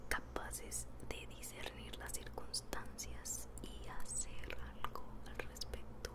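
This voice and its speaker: A woman giving a soft ASMR Bible teaching in a breathy, barely audible whisper, hushed and explanatory. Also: takes it slowly.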